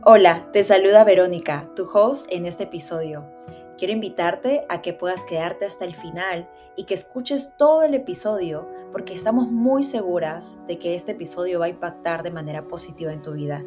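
A woman's voice: lowish voice, moderate pace, mellow, soft background music. A woman hosting a podcast, upbeat and welcoming as she greets listeners and interviews her guest. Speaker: podcast host.

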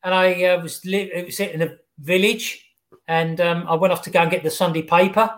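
High-voiced jokey English man. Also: fairly even intonation, a bit bright. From England. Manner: jokey storyteller, laughs often, halting restarts. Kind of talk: casual podcast chat.

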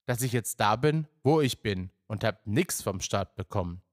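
A man's voice: fairly low pitch, animated, normal speed, no room sound, clean studio sound, natural voice. A man voicing a resentful middle-aged male scrapyard worker who rants indignantly. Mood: bitter. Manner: indignant, ranting.

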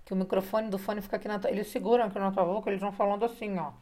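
A woman from Brazil chatting casually, telling emphatic, animated stories. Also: medium pitch, very fast, crowd noise. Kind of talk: casual chat.

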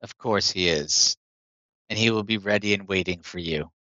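A man's voice: low-pitched, moderate pace, pushed and bright, dry recording, dull audio. A man narrating a tabletop game as game master, describing events and answering players.

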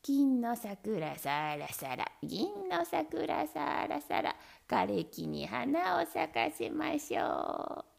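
A woman doing a gruff greedy old man. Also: fairly low pitch, expressive, pitched below the performer's own voice, heavily acted. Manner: slow, gruff, shouted chanting.

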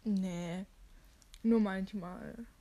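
A woman's voice: mid-range voice, steady tone, drawn-out words, warm tone. A young woman co-hosting a podcast, rambling playfully and giggling in casual chat. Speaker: podcast co-host.

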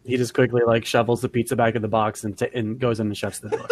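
A man's voice: medium pitch, flat delivery, fast. Hesitant man playing a tabletop game. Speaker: player. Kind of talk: casual tabletop game chat.

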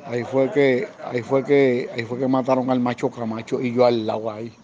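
A mid-range male voice, a bit quick, with a Puerto Rican accent tells true stories from his time as a security guard. He's casual, slangy and animated, acting out the voices of the people he quotes. The lo-fi recording sounds dull, with faint noise.

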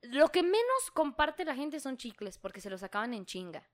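A young woman with a Mexican accent tells crude anecdotes in a high, bright voice. She talks in slang, laughs often and acts out other people in quick bits of dialogue. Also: very animated. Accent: Mexican Spanish. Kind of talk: casual storytelling chat.

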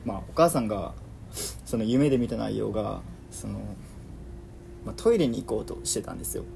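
A man casually telling a true eerie family story in conversation, in halting pieces and polite speech. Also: fairly low pitch, expressive, creaky, warm tone, a little hiss or hum, rough recording.

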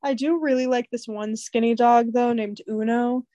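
A young woman with a somewhat high, slightly nasal voice talks at normal speed; the recording is dry and its highs are cut off. In casual conversation, she rambles through animated stories, leaning heavily on fillers.

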